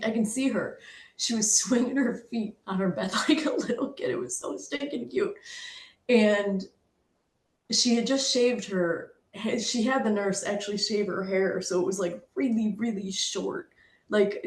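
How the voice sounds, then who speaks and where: Woman, middle-aged, mid-pitched, emotional personal storytelling, echoey room. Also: a little mellow. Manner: emotional, heartfelt, pausing, fighting back tears. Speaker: speaker sharing a personal story.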